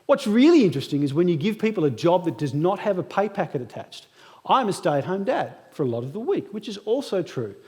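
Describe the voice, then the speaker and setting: With a brisk, very animated delivery, a guest speaker in his thirties uses self-deprecating humor in a motivational talk at a graduation. His voice sits high with a darkish tone, and the large hall adds echoey reverb.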